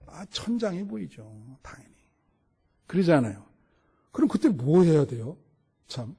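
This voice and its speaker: A middle-aged male pastor preaching a sermon, asking the congregation questions, acting out the people in the story and dropping to hushed prayers. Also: a little high, very animated, unhurried, slightly rough. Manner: preaching with sharp swings from loud exclamations to hushed murmured prayers.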